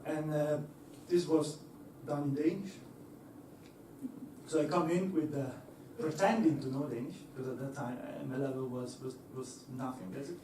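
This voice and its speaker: This is a young male engineer presenting in a lecture hall: fairly high pitch, steady and warm, normal speed. Fillers and restarts crowd his hesitant speech, and laughter comes easily. He's recorded from far off in an echoey room with slight background noise.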